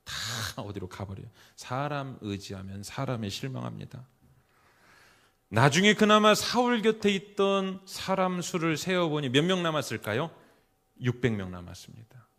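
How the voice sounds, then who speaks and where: A middle-aged man preaching a sermon in a church, emphatic, putting rhetorical questions to the congregation and swinging between loud exclamations and quiet asides. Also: mid-range voice, animated, normal speed, creaky. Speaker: pastor. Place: church sanctuary.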